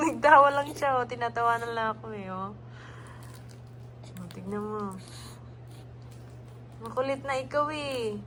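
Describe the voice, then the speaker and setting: High, bright-voiced cooing young mother. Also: measured pace, long pauses, a little hiss or hum. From Philippines. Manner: cooing, sing-song, coaxing. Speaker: mother talking to her baby. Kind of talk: casual baby talk, mixing Tagalog and English.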